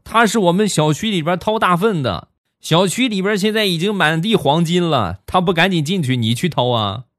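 A man voicing a brusque male security guard who talks in a loud, scolding way. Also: high voice, lively intonation, normal speed, no echo, studio quality, voice pushed up.

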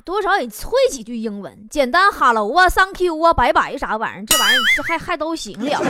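A young woman comedian with a Northeastern Mandarin accent delivers a talk show stand-up monologue full of dialect slang and chuckles. Her voice is high-pitched, bright, and forceful. The recording is noisy, with clicks.

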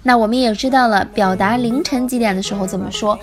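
A woman's voice: on the high side, fast talker. A woman teaching English, explaining phrase by phrase and repeating the English lines. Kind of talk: language lesson explanation.

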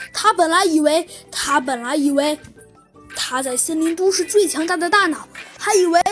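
Woman, children's storyteller, high voice, talks to kids, faint music behind. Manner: warm, direct address to children.

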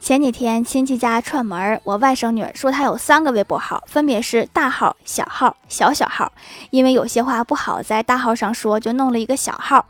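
Female comic narrator, a bit high, dead-dry studio sound, wry asides after each joke. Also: a little fast, no room sound, soft background music. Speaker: narrator of funny anecdotes. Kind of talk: reading funny anecdotes aloud.

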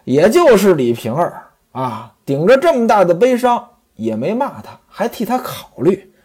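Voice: mid-range voice, huge pitch swings, measured pace, a little mellow, breathy edge. A storyteller retelling a classic novel in a conversational way, turning often to the listeners.

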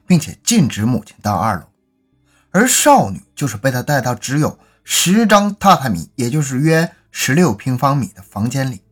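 Male true-crime podcast host, husky voice with a lively, rising-and-falling delivery; grave, measured storytelling over faint music. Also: medium pitch.

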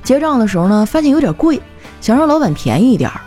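A young woman telling comic stories from her daily life, chatty and quick to laugh. Her voice is fairly high and mellow and moves around a lot. Soft background music runs faintly underneath. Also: very animated. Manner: chatty, laughing as she talks. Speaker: comedy podcast host. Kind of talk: comic storytelling monologue.

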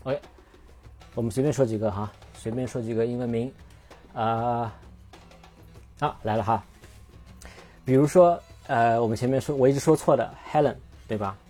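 Casting note: male podcast host, mellow low-key tone, chatty and rambling, faint music underneath. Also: normal speed, long pauses. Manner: rambling, self-correcting, looks things up mid-talk. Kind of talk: casual solo podcast chat.

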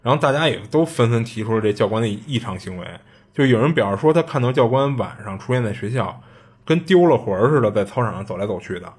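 Podcast host, male, husky voice, rapid conversational storytelling. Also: mid-range voice. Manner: chatty, animated retelling with frequent fillers. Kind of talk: casual storytelling.

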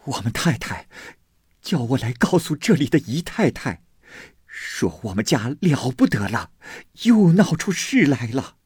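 A panicky old maidservant wails her news in a high, strained voice, as a male storyteller puts her on. The voice climbs well above a man's usual register, husky and slow, with a close, dry sound. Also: sing-song, a little mellow, no room sound, heavily acted. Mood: panicked. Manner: frantic, wailing, high-pitched. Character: flustered old female servant, panicky and blunt.

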